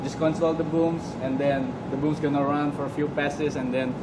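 Young Indonesian intern, relaxed chat, greenhouse noise underneath. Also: male voice, a little high, normal speed. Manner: friendly, loose, many fillers. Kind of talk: casual to-camera testimonial. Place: large greenhouse, indoors. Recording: clear ventilation noise behind.

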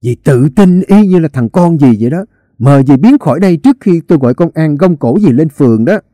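A man's voice: a little high, animated, fairly quick, dark tone, no echo, studio quality, pitched above the performer's own voice, close to an everyday voice. A man voicing a fierce young married woman who scolds and threatens sharply. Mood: furious.

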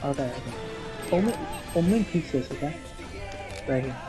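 A man's voice: mid-range voice, expressive, normal speed, music in the background. A young man talking casually with teammates over voice chat during an online shooter game. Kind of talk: casual gaming voice chat with friends.

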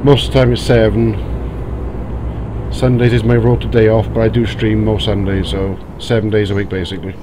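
Chatty streamer with background noise. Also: male voice, lowish voice, level tone, fairly quick. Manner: chatty, welcomes chat viewers by name. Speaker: live streamer. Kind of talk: casual live-stream chat.

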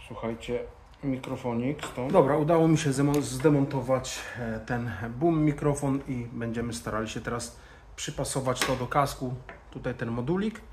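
A motorcycle vlogger with a darkish, mid-range voice gives a casual, informal hands-on tutorial, often muttering to himself while working. He's in an indoor garage-bar lounge, and the recording has roomy echo and background noise.

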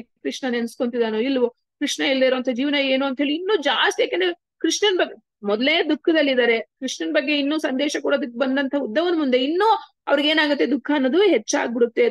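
A woman giving a devotional talk, telling sacred stories expressively, mixing in English words and chanting verses slowly. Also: high-pitched, dry recording. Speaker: devotional speaker. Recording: dull, lo-fi dry recording.

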